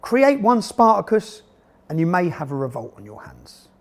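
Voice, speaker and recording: Male documentary narrator, sarcastic and emphatic, high and lively delivery. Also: moderate pace.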